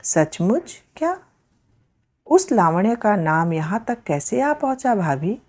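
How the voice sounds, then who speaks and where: A woman's voice: medium pitch, sing-song, slow, a little mellow, voice pushed up. A woman voicing an anxious widowed younger sister who pleads urgently in a read-aloud story.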